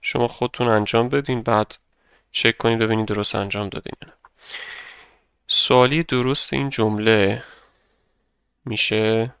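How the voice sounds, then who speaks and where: A young man teaching an English grammar lesson, explaining patiently step by step and saying example sentences slowly for students to repeat. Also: on the low side, steady tone, a bit bright, clean tone, dry recording. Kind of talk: grammar lesson narration over slides.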